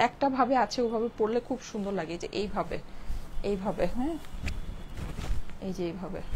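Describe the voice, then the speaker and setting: A Bangladeshi woman selling clothes on a live stream, chatty and a little hoarse from a cold, checking in with viewers after almost every line. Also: fairly high pitch, darkish tone, slight background noise. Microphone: phone with clip-on mic.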